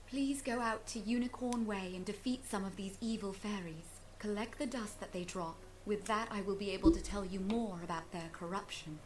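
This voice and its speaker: A grave, caring fairy lady from a fantasy video game, played by a woman. She speaks formally and earnestly at a middling pitch, with slight ambient noise behind her. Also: close to an everyday voice. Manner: formal, earnest storybook delivery. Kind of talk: scripted video game dialogue.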